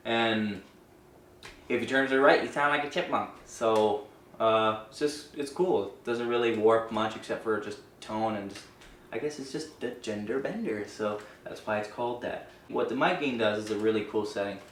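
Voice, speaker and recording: A man with a lowish, slightly bright voice hosts a gear review video, explaining settings informally and hesitantly at a moderate pace. He's in an indoor room with a guitar amp, recorded by a distant mic that sounds roomy, with faint noise.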